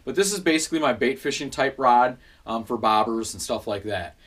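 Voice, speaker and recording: A relaxed man in his thirties, host of a fishing channel, describes his gear to the camera in a small room at home, his voice at a normal middle pitch. Ums and quick self-corrections come up often. He is recorded by a camera mic positioned a few feet away.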